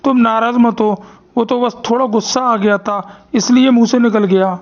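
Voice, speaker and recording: A jumpy, henpecked cartoon schoolteacher who stammers and begs for forgiveness. His voice sits high with a gravelly edge. The audio is dull and lo-fi. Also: fairly even intonation, moderate pace. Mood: flustered pleading. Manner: stammering, pleading. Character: nervous henpecked male schoolteacher.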